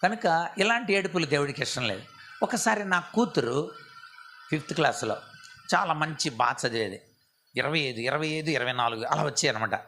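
A male pastor preaching a sermon, often asking the audience questions and acting out prayers in a soft, low voice. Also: animated, a little fast, faint music behind. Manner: asks the audience rhetorical questions.

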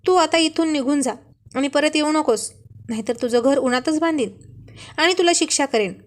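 A woman voicing a playful young husband who calmly teases his wife in a light, joking tone. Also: high-pitched, moderate pace, natural voice. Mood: teasing. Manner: light teasing tone.

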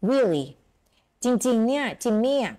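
Lively Thai-accented woman teacher. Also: a little high. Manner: explains slowly, repeats words for students to type and pronounce. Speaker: English teacher. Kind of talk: live-streamed English lesson reading a story.

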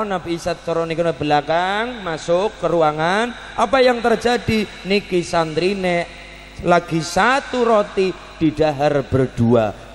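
A male preacher tells a story at a religious gathering in a lively, rhythmic way. His voice sits high for a man, and the hall carries a long reverb. A faint hum lies beneath him. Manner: lively, mixing Javanese and Indonesian, rhythmic sound words. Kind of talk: sermon storytelling.

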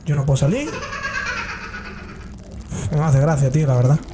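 A man's voice: a little high, lively intonation, normal speed, heavy background noise. Cursing man streaming a horror game. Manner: swearing, startled, jokey running commentary. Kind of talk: horror game let's play.

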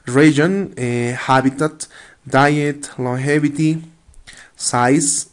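Slow-talking man teaching English. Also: a little high, steady tone. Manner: slow, explains in Spanish, frequent "¿no?" checks; reads English text aloud slowly. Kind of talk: online class walkthrough.

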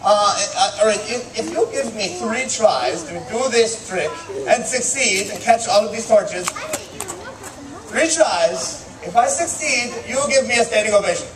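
A man's voice: sits high, expressive, unhurried. A man, a middle-aged stage juggler, projecting comic patter with mock-courtly showmanship to a live fair audience. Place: open-air covered stage at a fair. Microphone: far camera in the audience. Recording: distant, echoey, noisy live crowd recording. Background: loud crowd and ambient noise.

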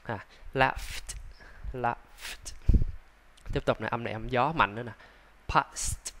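A man with a Vietnamese accent teaching English pronunciation, sounding out words slowly, repeating them and adding chatty asides. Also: medium pitch, slight background noise. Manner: breaks into soft laughs and chatty asides. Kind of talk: slow, drawn-out pronunciation lesson.

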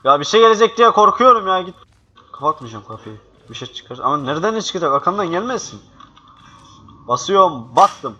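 Jumpy young man yelling at a horror game. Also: high voice, very animated, brisk, dull audio. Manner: jumpy, swearing, swings from panicked yelling to hushed muttering. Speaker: gaming youtuber. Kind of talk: horror game let's play commentary.

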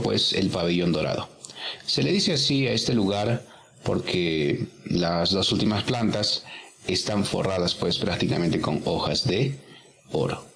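A man's voice: lowish voice, gravelly, a bit bright, a little hiss or hum. A man teaching English, working through a workbook exercise step by step and patiently repeating each answer.

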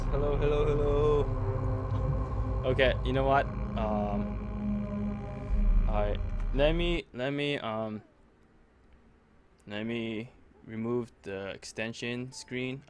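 A man's voice: creaky, very noisy. A young man streaming himself playing a horror game live, chatting to viewers and yelping in panic, rambling with lots of fillers. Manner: jumpy, panics into high yelps, rambling with fillers. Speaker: gaming streamer. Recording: game music playing behind. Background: game music.

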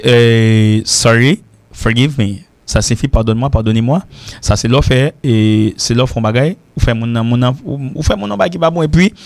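A man's voice: medium pitch, vocal fry, a little mellow, dry recording. A man teaching English on the radio, repeating words and checking in with "ok?" as he drills pronunciation. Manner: repetitive drilling of pronunciation, frequent "ok?". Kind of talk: radio English lesson in French.

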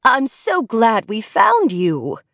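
A kind, gentle schoolteacher speaking slowly and calmly, as a woman puts her on. Her voice sounds close and dry. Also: fairly high pitch, creaky, no room sound, full character voice.

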